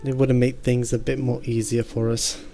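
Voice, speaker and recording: Calm man narrating his game tactics. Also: medium pitch, brisk, creaky. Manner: calm, thinking aloud through tactics. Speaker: gaming channel host. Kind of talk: let's-play commentary. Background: game music.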